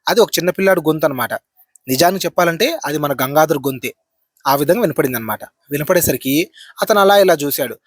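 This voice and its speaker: A man's voice: fairly high pitch, animated, quick pace, no echo, clean studio sound. A man hosting a horror channel, telling a ghost story in a chatty spoken way, repeating phrases and tagging lines with a filler.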